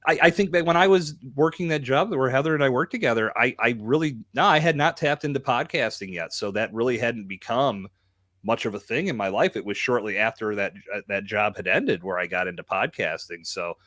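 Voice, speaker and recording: A man with a mid-range, slightly bright voice hosts a live podcast, talking fairly quickly. He speaks candidly, emphatically and colloquially into a close microphone, and there's no room sound.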